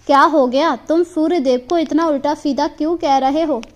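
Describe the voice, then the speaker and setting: Lady doing a sun god in disguise, calm, reasoning, high voice. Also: normal speed, natural voice. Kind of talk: storybook character voice.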